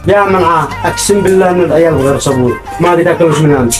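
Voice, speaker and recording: A man's voice: on the high side, rapid-fire, natural voice. A young actor with a Yemeni accent playing a poor man who swears oaths as he pleads over the money he owes. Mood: pleading. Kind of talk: web drama acting. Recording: loud music under the dialogue.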